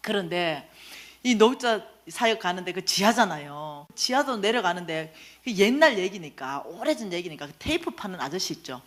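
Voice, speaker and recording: A woman, a church lecturer telling stories in an animated sermon. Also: lowish voice, moderate pace. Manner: animated, acts out quoted voices. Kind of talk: lively storytelling sermon lecture.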